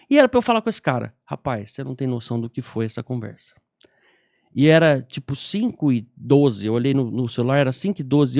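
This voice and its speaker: A Brazilian man talking quickly in an animated, casual way, mimicking the voices of the people in his story. The sound is dry and close, as in a small podcast studio. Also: mid-range voice, creaky, no room sound. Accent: Brazilian Portuguese. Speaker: podcast co-host.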